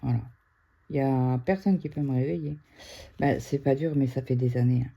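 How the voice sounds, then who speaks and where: A middle-aged woman from France chatting casually to viewers at home, excitable and quick to raise her voice. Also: very deep voice, gravelly, breathy edge, lo-fi sound. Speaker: craft vlogger. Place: indoors at home.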